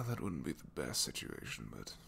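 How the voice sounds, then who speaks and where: A man in a one-sided ASMR roleplay drama plays a reluctant supervillain inventor, kind beneath it all, weary and wry in mood. His exaggerated voice is low-pitched, gravelly, bright and forceful, swooping wildly in pitch and a little slow, with slight background noise. He rambles hesitantly, puts himself down, sighs, trails off on tag questions and now and then drops to a whisper.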